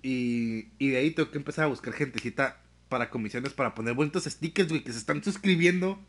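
Here a young man talks quickly in a mid-range voice on a live stream, with a little hiss or hum in the audio. His Mexican Spanish accent comes through as he tells lively, slang-heavy stories laced with swearing.

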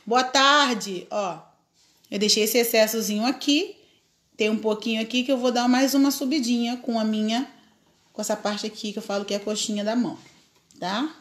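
A woman's voice: a little high, steady tone, moderate pace, a bit bright. A Brazilian woman hosting a casual live craft tutorial from home, chatty, laughing often and greeting viewers by name. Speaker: craft live-stream host.

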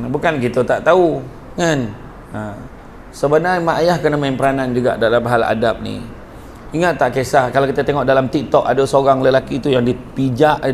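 A middle-aged man with a Negeri Sembilan Malay accent giving a humorous religious lecture to parents and teachers at a school event. He tells jokes and stories in an animated way, then drops to a low, earnest tone to deliver the moral. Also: a little hiss or hum. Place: school event before a live audience.

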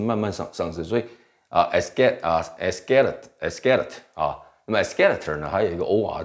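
Low-voiced man teaching English vocabulary. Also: darkish tone. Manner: explains in Mandarin, reads English slowly and spells words out. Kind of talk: vocabulary lesson.

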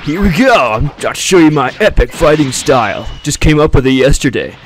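A man acts out a cocky young cartoon fighter in an impression voice, pitched a bit high. He boasts casually and flusters easily, a goofy martial artist, with game music and blasts behind him. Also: lively intonation, brisk, natural voice. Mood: boastful.

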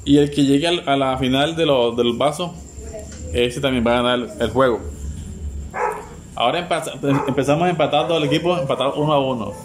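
A man hosting party games at home, urgently cheering players on with rapid, repeated urging and laughter. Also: medium pitch. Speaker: host running family party games. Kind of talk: excited play-by-play commentary. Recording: noisy home recording.

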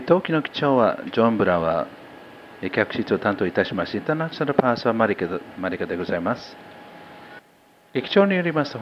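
A man working as a flight attendant, reading a formal announcement over an airliner's cabin loudspeaker, with small slips. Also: on the low side. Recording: muffled PA with faint cabin hum.

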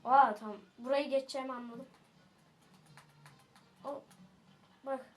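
A woman giving casual gameplay commentary as a streamer, jokey and excitable, teasing the enemies with sudden shouts. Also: high-pitched, a little slow, faint music behind. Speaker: gaming streamer.

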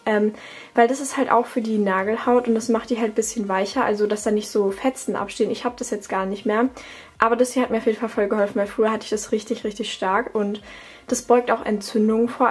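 A beauty vlogger from Germany, young and female, chats through her routine at her desk at home in a casual tutorial. Her voice is a little high, a little mellow and slightly rough, and she uses fillers and self-corrections.

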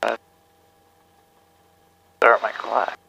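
A man's voice: extremely slow, pushed and bright, slight background noise, rough recording. A man giving brief replies over a pilot headset in a helicopter cockpit. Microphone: aviation headset intercom.

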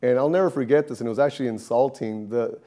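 A barber in his thirties tells stories at a quick pace in a medium-pitched voice, speaking for a documentary interview inside a barbershop. His storytelling is animated, and he gestures as he talks.

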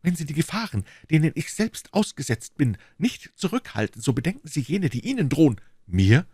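A man's voice: big pitch swings, dark tone, slightly rough, no echo, clean studio sound. Man putting on an anxious young woman. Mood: urgent. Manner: raised, light pitch, quick and urgent. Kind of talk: audiobook reading.

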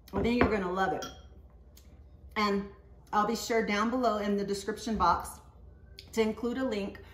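A woman's voice: mid-range voice, a bit bright, slight background noise. A woman hosting a cooking show in her kitchen, talking through each step in an easygoing, chatty way with frequent fillers. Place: home kitchen. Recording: roomy echo, voice from a distance.

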